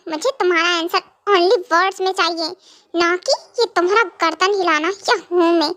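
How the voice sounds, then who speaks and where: A woman's voice: extremely high pitch, a bit bright. A woman voicing a possessive, menacing young mafia husband in an amateur fan dub, talking in cold, mocking threats and commands. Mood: scolding.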